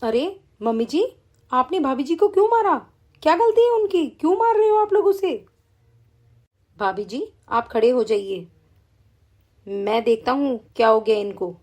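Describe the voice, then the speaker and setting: A woman voicing an indignant young son-in-law in an animated cartoon, reproachful and agitated. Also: fairly high pitch, unhurried.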